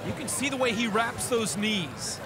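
A man working as play-by-play commentator, giving measured, informative sports commentary. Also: very high-pitched, lively intonation, heavy background noise. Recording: loud crowd and music behind.

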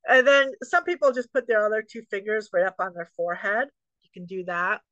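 A woman teaching a breathing class, giving slow, patient cues with long pauses and chatty, self-deprecating asides. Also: mid-range voice, lively intonation, a bit bright, dry recording, lo-fi sound. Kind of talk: guided breathing instruction.

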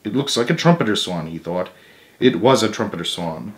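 A young adult man briskly reads a children's book aloud, his lowish voice giving expressive narration with casual asides. He's recorded in a living room by a camera a short distance away.

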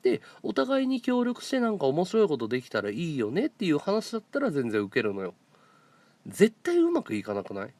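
Male streamer, blunt talker, very lively swooping pitch, dry close sound. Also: a little fast, no room sound. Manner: blunt, outspoken storytelling. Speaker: live streamer. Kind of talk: casual monologue to stream viewers.

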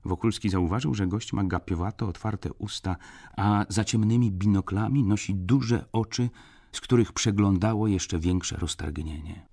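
Husky, expressive male audiobook reader. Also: lowish voice, normal speed. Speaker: audiobook narrator. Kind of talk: scripted literary narration.

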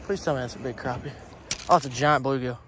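Filmed outdoors on a handheld phone, this casual vlog has a fishing-vlogger uncle in his thirties encouraging kids through fishing at a farm pond, one step at a time. He speaks with a Kentucky accent in a mid-range voice that is quick and a bit bright. There's slight noise in the background.

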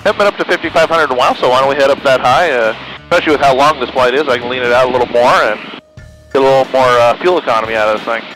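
A man's voice: mid-range voice, very fast, fairly bright tone, soft background music, poor audio. A middle-aged American man talking casually as a pilot into a headset mic, informal and a little hesitant as he explains. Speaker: pilot and video host. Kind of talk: casual flying vlog with radio calls. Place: small plane cockpit in flight. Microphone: aviation headset boom mic.

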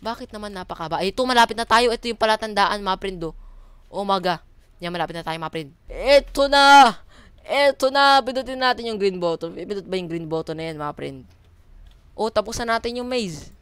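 A woman's voice: mid-range voice, fast talker, a bit bright, smooth, no room sound. A woman with a Filipino accent giving casual commentary on a horror game, jumpy and screaming at the scares. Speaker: gaming streamer.

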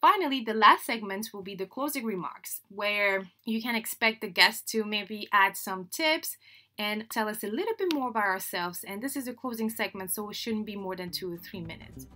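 Bright-voiced French-speaking podcast host woman. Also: medium pitch, moderate pace, a little hiss or hum. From Senegal. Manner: chatty and upbeat, laughs between phrases. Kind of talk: solo podcast introduction.

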